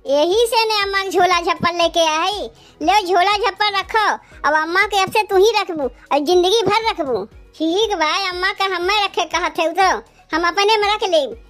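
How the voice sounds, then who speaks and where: A woman's voice: very high-pitched, fairly bright tone. A woman voicing quarrelsome young village daughters-in-law with an Awadhi accent, taunting and bickering.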